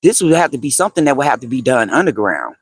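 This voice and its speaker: This male livestream host speaks fast in a husky, sing-song, medium-pitched voice, recorded without room sound. He keeps things casual, chatting with viewers, replying to comments, repeating phrases, and laughing a lot.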